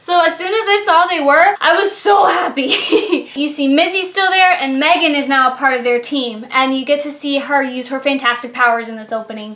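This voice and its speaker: A woman's voice: high voice, bright, forceful tone. A woman chatting enthusiastically in a casual book review vlog.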